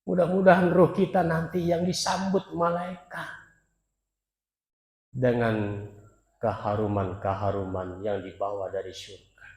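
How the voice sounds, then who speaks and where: A man preaching a sermon at a mosque, swinging between loud calls and soft near-whispers and chanting Arabic verses, speaking directly to the congregation. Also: mid-range voice, fairly even intonation, a little slow, pauses often. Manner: addresses the congregation directly as "Pak". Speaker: preacher at a dawn mosque study. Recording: echoey mosque hall with long reverb.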